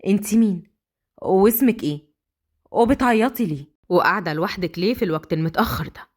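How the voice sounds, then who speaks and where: Woman playing a cocky hotheaded guy, low voice. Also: fast, darkish tone, natural voice. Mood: indignant. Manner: indignant. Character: proud, hot-tempered young man.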